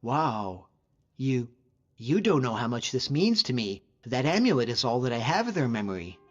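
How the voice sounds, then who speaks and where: Playing a humble, amiable hunter who travels alone as a game companion, this actor sounds touched and sincere. His mid-range voice swings widely in pitch, stays earnest and measured, and has its highs cut off.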